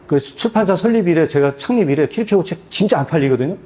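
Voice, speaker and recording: A man's voice: a little high, expressive, fast, mellow. A middle-aged man who translates and publishes books, giving a candid personal testimony at a church book talk. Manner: candid, storytelling with self-deprecating humor. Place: church hall.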